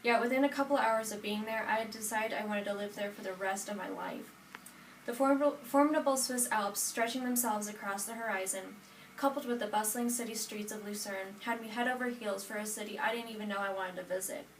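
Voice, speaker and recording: An eighteen-year-old woman from Nebraska reads her own narrative speech from note cards, at a steady pace with the odd self-correction. She sits back from the microphone in a roomy space, with a faint hiss under her voice. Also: medium pitch, brisk. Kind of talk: reading a prepared personal narrative speech. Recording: roomy sound from a distant mic.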